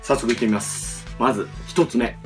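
A man's voice: mid-range voice, normal speed, over music. A man in his thirties hosting a casual, comedic presentation with a partner in a small room. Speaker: host, member of a comic duo presenting. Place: small plain room indoors. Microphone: camera a short distance away.

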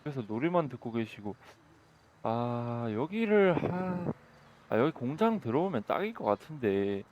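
A man improvising game role-play commentary, chatty and sarcastic, bursting into loud shouting. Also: mid-range voice, very animated, moderate pace, lo-fi sound.

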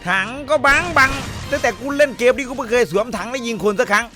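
A man's voice: very high-pitched, rapid-fire, over music. A young man streaming a shooter game, cracking crude jokes and swearing through rowdy comedic commentary. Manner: rowdy, joking and crude, full of swearing and banter.

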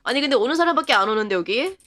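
A woman's voice: fairly high pitch, expressive, bright, forceful tone. A woman streamer giving live commentary on a game, chatting to herself and laughing often. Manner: reacts to the game with quick surprised remarks.

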